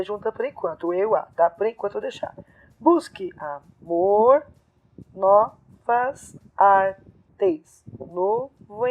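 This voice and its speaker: Lady teacher walking through a poem step by step, counting syllables out loud, tinny phone-line audio. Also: medium pitch. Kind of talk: classroom lesson on poetry scansion. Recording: phone-like narrow sound.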